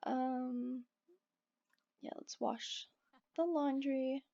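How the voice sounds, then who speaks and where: A woman's voice: high-pitched, fairly even intonation, extremely slow, vocal fry, warm tone. A woman chatting casually as she narrates a life-sim game, rambling with frequent asides to her viewers. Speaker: let's play gamer. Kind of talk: casual gameplay commentary. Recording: dull lo-fi recording.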